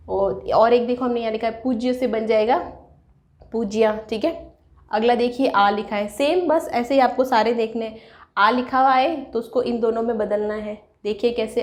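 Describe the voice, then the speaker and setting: A woman teaching a Hindi grammar lesson, explaining step by step and asking and answering her own questions. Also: fairly high pitch. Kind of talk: classroom-style online lesson. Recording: echoey room.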